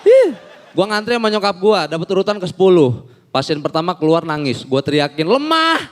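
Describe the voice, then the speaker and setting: Animated high-voiced young comedian. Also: male voice, slight background noise. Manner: animated storytelling, acting out characters in shifting voices. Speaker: stand-up comedian. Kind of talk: stand-up comedy set.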